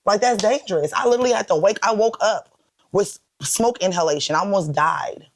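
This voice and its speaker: Raspy, blunt young woman co-host. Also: mid-range voice, brisk. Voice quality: raspy, hoarse from smoke. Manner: blunt, profane, animated storytelling. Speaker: podcast co-host. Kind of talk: casual chat.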